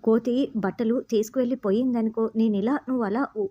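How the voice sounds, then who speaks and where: A woman's voice: a little high, fairly even intonation, quick pace, no echo, dull audio, lightly acted. A woman voicing a stubborn, playful young wife who teases and pleads with her husband in a coaxing, sing-song way.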